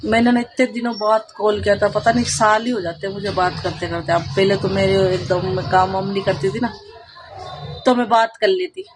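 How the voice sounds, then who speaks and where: A woman's voice: medium pitch, normal speed. Indian woman vlogger, aggrieved storyteller, faint hiss behind. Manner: animated, aggrieved venting with quoted dialogue. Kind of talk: casual storytelling vlog.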